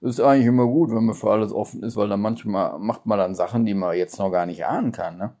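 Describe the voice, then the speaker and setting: A man's voice: lowish voice, quick pace, warm tone. A middle-aged man chatting casually and spontaneously to his phone, rambling in colloquial phrases with frequent tag questions. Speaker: live streamer who speaks words backwards. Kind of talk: casual, spontaneous chat to camera. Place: small indoor room by a curtained window. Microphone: phone at arm's length.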